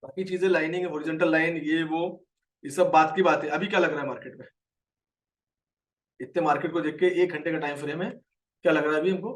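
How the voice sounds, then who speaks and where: Indian male trading tutor, rapid, slightly off-mic, answers viewers by name. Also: on the high side, fairly even intonation, far from the mic. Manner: explains a chart, quizzes viewers by name. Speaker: trading teacher. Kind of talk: live market lesson.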